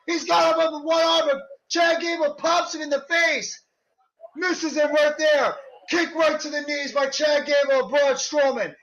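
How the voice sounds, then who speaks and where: A man working as a wrestling commentator, calling live play-by-play in an excited, exclaiming manner over a stream. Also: very high voice, gravelly. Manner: excited, exclaiming, shouting at big moves. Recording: dull lo-fi online stream audio.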